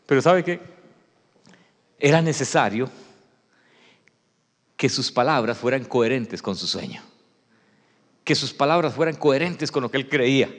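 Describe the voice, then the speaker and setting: A man preaching a sermon, acting out the story and swinging from shouts to hushed tones. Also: mid-range voice, expressive, unhurried, pauses often. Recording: long reverb of a hall.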